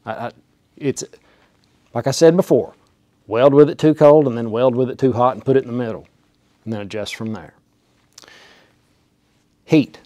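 Mid-range and mellow, this man speaks at a moderate pace and pauses often, recorded dry. He's in his forties, teaching welding in a small indoor workshop on a clip-on lapel mic, folksy and emphatic as he demonstrates the steps by hand.

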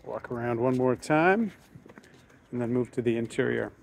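Recorded on a handheld phone, an American man who sells yachts gives a casual walkthrough of a docked sailboat, moving from the deck outdoors into the cabin. He sounds relaxed and thinks aloud with plenty of ums and uhs, and his middle-pitched voice is creaky, with slight background noise.

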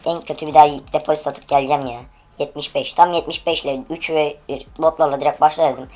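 A woman's voice: low voice, steady tone, fast, dark tone. A woman streaming an online case-opening game, giving live commentary in an impatient, profane way as she urges each spin aloud.

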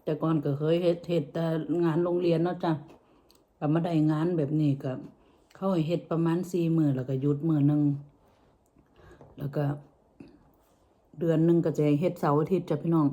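A woman with a low, mellow voice and a northeastern Thai Isan accent. She talks to her viewers in a casual, folksy way, often softening phrases with polite particles. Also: little pitch movement, a little fast, long pauses. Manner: folksy, addresses listeners with frequent soft polite particles. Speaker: vlogger. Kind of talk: casual chat to viewers while eating.

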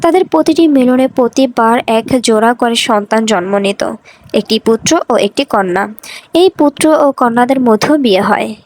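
A woman reading a scripted religious story in a measured, earnest storytelling manner. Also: on the high side, animated, darkish tone, poor audio.

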